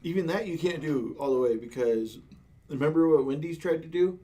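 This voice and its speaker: A man's voice: a little high, lively intonation, fairly quick, mellow. Sarcastic, blunt man on a podcast. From United States. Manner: sarcastic, blunt, swears freely. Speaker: podcast co-host. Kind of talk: casual banter.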